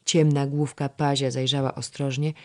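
Measured storybook narrator. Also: mid-range voice, flat delivery, mellow. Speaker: audiobook narrator. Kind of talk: scripted narration of a historical novel.

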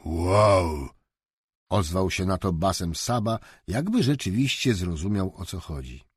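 A man narrating a storybook slowly and expressively, with a lively intonation, recorded close on a studio mic. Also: low voice, slightly rough, no echo. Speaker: audiobook narrator.

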